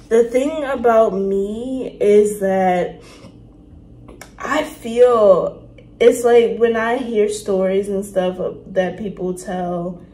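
A woman hosting a reaction video, talking earnestly and emotionally with halting, apologetic restarts. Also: mid-range voice. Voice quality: emotional, soft-spoken. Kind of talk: casual reaction commentary. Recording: roomy room with faint noise.

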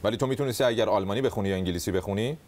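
A man hosting a comedy talk show, interviewing a guest in a playful, teasing way. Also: fairly low pitch. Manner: teasing, jokey, animated asides. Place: TV studio.

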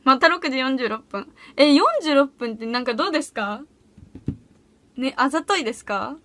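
Teen girl livestreaming from her room, high bright voice, giggly and bubbly, chatting w viewers. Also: animated, moderate pace, slight background noise. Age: teens. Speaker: audition livestreamer. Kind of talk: casual solo livestream chat reading comments. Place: small humid room at home.

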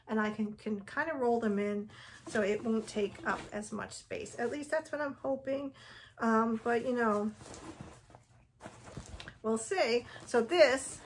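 A woman's voice: a little high, slight background noise. A middle-aged woman chatting casually at home in a vlog, rambling with lots of fillers and small laughs. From Northern New Jersey. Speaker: vlogger. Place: home, indoors.

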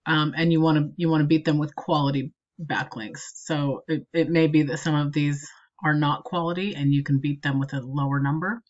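A woman marketing consultant takes a client through an SEO review alongside a screen recording, steady and practical in manner. Her voice is low, and the highs are cut off.

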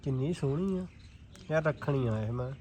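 Male horse-keeping vlogger, Malwai Punjabi accent, informal and chatty, mid-pitched, faint background noise. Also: expressive, normal speed, mellow. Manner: informal, chatty, addresses viewers as brothers. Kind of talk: casual vlog chat. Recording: noisy handheld vlog with ambient sound.

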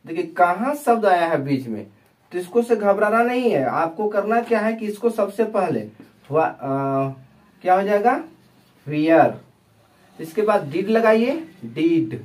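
A man's voice: sits high, lively intonation, darkish tone, distant mic. A male teacher giving an English grammar lesson in Hindi, who keeps asking questions and answering them himself. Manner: slow, repetitive, asks and answers his own questions. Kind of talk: classroom lesson explaining tenses.

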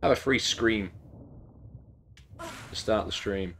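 This man's voice sits lowish and fairly bright, with vocal fry, an unhurried pace, and a faint hiss or hum in the audio. He's in his thirties, stuffed up and going hoarse, rambling through chatty live-stream talk with jokes tossed in as he plays a game at home.

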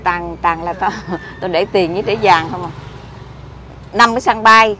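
A middle-aged woman with a Southern Vietnamese accent, rambling excitably and scolding in a street conversation. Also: fairly low pitch, moderate pace. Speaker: interviewee. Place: outdoors by a street. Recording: loud street traffic behind.

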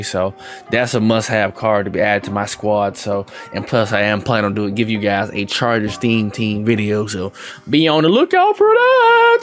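A young man chatting casually as a gaming video creator, with informal slangy talk and some swearing. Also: on the low side. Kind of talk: casual chat over game pack opening.

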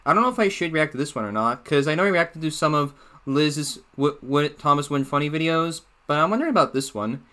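Recording in a small home room, a young adult reaction video host rambles through casual commentary, circling back to repeat and rephrase. He sounds animated and sharp, his voice a little high and his pace quick.

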